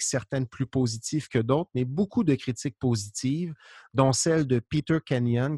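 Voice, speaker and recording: Friendly podcast host, dry sound. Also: male voice, mid-range voice, no room sound. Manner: lively and friendly, with restarts. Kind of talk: podcast interview.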